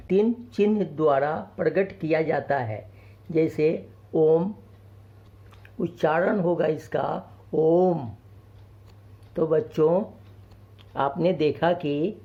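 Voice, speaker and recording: Male teacher, children's grammar lesson, slow and patient, mellow tone, muffled lo-fi sound. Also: on the high side. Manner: slow, patient, explains each point twice.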